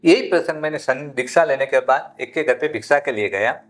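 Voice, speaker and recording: Appearing as a Jain monk guest on a podcast, a man teaches through long, meandering anecdotes at a fairly quick pace, his pitch climbing high whenever he stresses a point.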